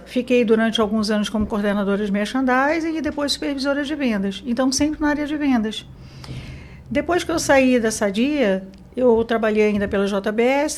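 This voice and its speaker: A woman from Mozambique, a business consultant, telling her career story as an interview guest in a relaxed way with fillers and self-corrections. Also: a little high, moderate pace, slight background noise. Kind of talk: interview conversation.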